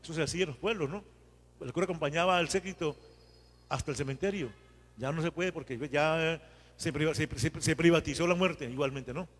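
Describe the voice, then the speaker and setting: Priest preaching, kinda high voice, church echo, chatty and lively. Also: male voice, fairly quick. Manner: conversational, animated retelling with acted quotes. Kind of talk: homily.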